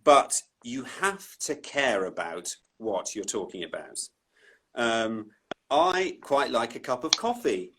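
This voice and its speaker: A man with a Southeast English accent, a voice-over artist talking casually in an interview, animated and self-deprecating, with many restarts. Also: mid-range voice, slow, husky. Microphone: Instagram live call.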